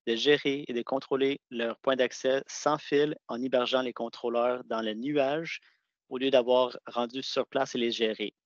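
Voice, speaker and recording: Through dull, dry video-call audio without room sound, a man with a mid-range voice gives a product presentation. He's a sales engineer, speaking in a conversational tone and hesitantly starting over at times.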